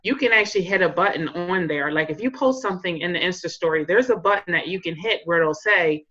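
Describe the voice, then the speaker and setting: A woman in direct sales talks casually on a group call and fills her sentences with likes and ums. Her voice is on the low side but bright and forward. The audio is dull and lo-fi. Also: fast talker. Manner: rambling, many fillers like "like" and "um". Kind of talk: casual call sharing tips.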